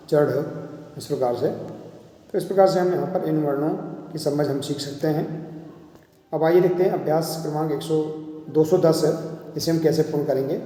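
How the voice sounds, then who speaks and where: A man's voice: fairly high pitch, mellow. A male teacher patiently explaining a workbook lesson, often pointing things out as he goes. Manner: patient, repeats "dekhiye" often. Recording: very echoey room with long reverb.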